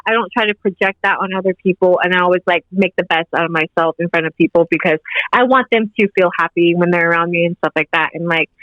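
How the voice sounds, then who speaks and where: A young woman in her twenties speaks as an interview guest, upbeat and rambling, filling her sentences with "like". Her voice is bright and forward. The recording is dry and a little dull, like a lo-fi remote call. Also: medium pitch, dry recording. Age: 20s. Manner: rambling, upbeat, heavy use of "like". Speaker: podcast guest. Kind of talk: casual interview chat.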